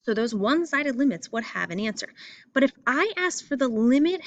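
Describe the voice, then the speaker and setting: Lively woman teaching math. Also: high-pitched, fairly quick, dry recording, muffled recording. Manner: lively, emphatic, repeats phrases for stress. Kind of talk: classroom lesson walking through graphs. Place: school classroom or building with loudspeaker.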